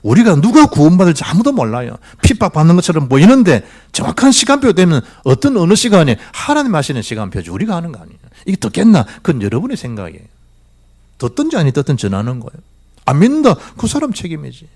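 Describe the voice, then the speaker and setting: A middle-aged man preaching, his pitch leaping all over the place. He keeps asking the congregation questions, then drops to near whispers before rising again. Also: fast talker. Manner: animated preaching with rhetorical questions and swings from loud to hushed. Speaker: pastor. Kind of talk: sermon. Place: church sanctuary.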